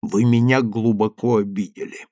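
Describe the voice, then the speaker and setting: A man voicing a stern, reproachful middle-aged father in an audiobook, speaking low and bitterly. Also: little pitch movement, moderate pace, a little mellow, dry recording, clean studio sound, natural voice. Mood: accusing.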